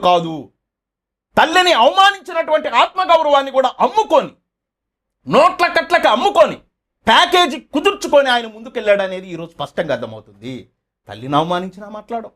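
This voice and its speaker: Fiery high-pitched male political commentator. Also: a bit bright. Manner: fiery, accusatory, rhetorical questions. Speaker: political commentator running his own channel.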